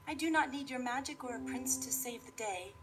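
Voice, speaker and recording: A woman's voice: high voice, brisk, background noise, voice pushed up, natural voice. A woman voicing a bold, self-assured young heroine in a rhyming storybook, speaking firmly.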